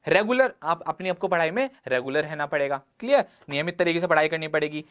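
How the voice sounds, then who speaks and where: A man's voice: a little high, animated, fast, fairly bright tone, smooth. A male teacher with an Indian English accent runs an online exam-prep vocabulary lesson. He keeps asking the class rhetorical questions and ties each word to everyday life. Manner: explains words with everyday examples and rhetorical questions.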